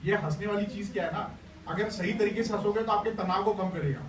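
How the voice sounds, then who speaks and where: A man's voice: sits high, fairly quick. A man teaching a class of schoolchildren, encouraging and playful as he coaxes them to try. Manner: encouraging and playful, coaxing pupils. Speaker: teacher running a school workshop. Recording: echoey room, distant mic, noisy class.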